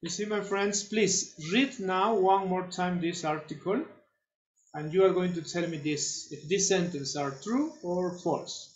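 A man teaching English to children over a video call, slow and patient, repeating his instructions. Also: sits high, reverberant, rough recording. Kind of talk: online class instruction.

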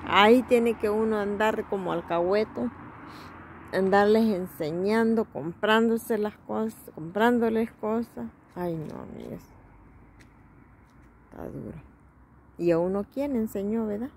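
A chatty middle-aged woman talks to her followers, recording on a handheld phone while she waits outdoors. Her voice sits at an everyday pitch for a woman, and she rambles in a friendly way. There is faint noise in the background. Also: unhurried. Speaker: vlogger. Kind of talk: casual chat to followers. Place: outdoors at a bus stop. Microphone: phone held in hand.

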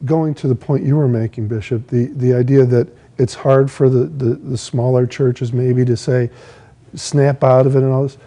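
A man's voice: mid-range voice, steady tone, moderate pace, mellow. A man on a TV panel, reassuring and speaking directly to viewers. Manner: reassuring, addresses the audience directly. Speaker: panel guest. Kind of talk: panel discussion on a TV talk show. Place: TV studio set.

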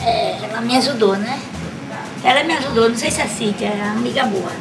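A woman's voice: fairly high pitch, fairly quick. Playful rambling woman TV guest. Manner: rambling, playful, claims to be from another planet. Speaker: show guest. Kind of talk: comic live TV interview.

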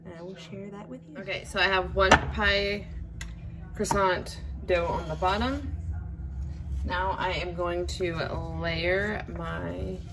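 A young woman, chatting casually as she cooks in her home kitchen, with plenty of ums and a relaxed, unhurried way of talking. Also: fairly low pitch, background noise. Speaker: home cook vlogger. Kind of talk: casual cook-along narration.

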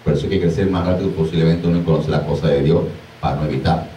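A man's voice: a bass voice, fast talker, slight background noise. A man who is a deliverance minister, preaching informally to a small group, acting out exclamations and laughing as he goes, recorded far from the mic in an echoey room. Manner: animated, mimics exclamations, laughs while preaching.

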